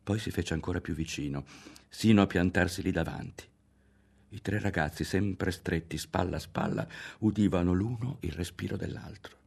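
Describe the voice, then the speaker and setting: Deep-voiced male literary narrator. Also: vocal fry, slightly rough. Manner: measured, expressive reading. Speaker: audiobook reader.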